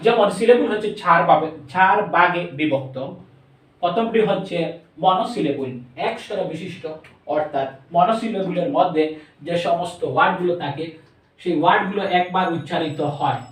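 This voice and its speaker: A man with a Bangladeshi accent teaching a spoken English lesson, slowly stretching out words and mixing English into his explanations. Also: high voice. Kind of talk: classroom lesson. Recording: echoey room, voice from a distance.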